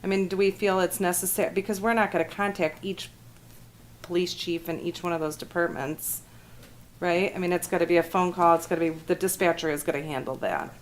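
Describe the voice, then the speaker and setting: A woman's voice: lowish voice, fairly even intonation, a little fast. A woman on staff explaining things informally at a public meeting. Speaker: staff member reporting to a commission. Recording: faint background noise in meeting.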